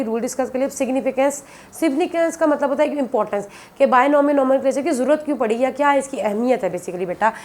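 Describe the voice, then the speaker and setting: A woman whose voice sits high with a darkish tone gives a biology lecture in class. Patient and repetitive in her explanations, she often refers to students as "beta."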